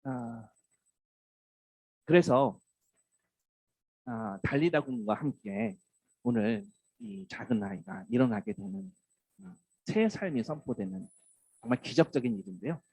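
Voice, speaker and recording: A man, a pastor, preaching a sermon, who now and then acts out tender lines in a soft voice. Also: mid-range voice, a little slow, vocal fry, pauses often, slightly rough, no echo, low-quality recording. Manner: lively, acts out tender wake-up calls in a soft voice.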